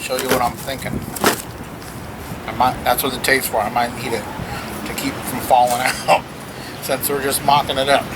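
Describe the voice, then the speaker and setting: A man's voice: medium pitch, level tone, moderate pace, long pauses. A man giving a casual, playful car vlog with informal showman-like asides, recorded outdoors. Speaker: car vlogger. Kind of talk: casual unboxing and car modification chat. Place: outdoors in strong wind. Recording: loud wind noise hitting the microphone.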